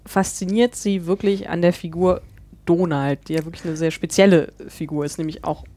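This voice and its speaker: Woman podcast host, slightly low voice, playful, asks questions, dry sound. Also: fairly even intonation, normal speed, mellow, no room sound. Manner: playful, laughs easily, steers the topic. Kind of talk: casual podcast chat.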